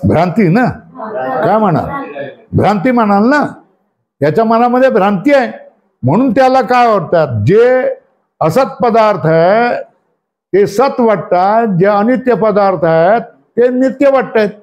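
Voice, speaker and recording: A man's voice: high-pitched, big pitch swings, a little slow, a little mellow, lo-fi sound. A male spiritual teacher giving a scripture class, constantly questioning his students and telling them to number and underline passages. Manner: asks the class constant questions and checks for agreement.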